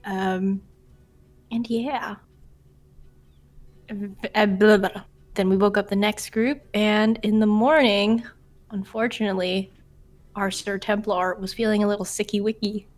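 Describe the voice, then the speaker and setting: A woman's voice: mid-range voice, steady tone, a little slow, pauses often. A woman casually recapping a tabletop game session, chatty and joking, laughing often.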